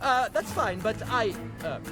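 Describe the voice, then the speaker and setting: An actor playing a bumbling, boastful young masked vigilante in a video game, grandiose and mock-archaic, stammering when flustered. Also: male voice, sits high, expressive, a little slow, music in the background. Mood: flustered, sheepish. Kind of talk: cartoonish swashbuckling game acting.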